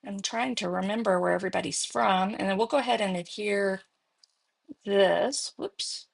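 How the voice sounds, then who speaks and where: A woman's voice: medium pitch, normal speed, gravelly, no echo. A woman with a Texas accent hosting a casual card-making demo, chatting and thinking aloud as she works. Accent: Texan. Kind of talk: casual live crafting demo.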